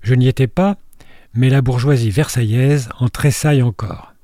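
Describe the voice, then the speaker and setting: A man's voice: medium pitch, moderate pace, mellow, dry recording, clean studio sound. An older man reading a wry, scripted film column on the radio, with storytelling asides.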